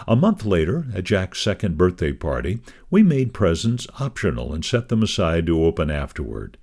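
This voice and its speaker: A man giving a measured, expressive scripted reading of a devotional magazine column. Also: low voice.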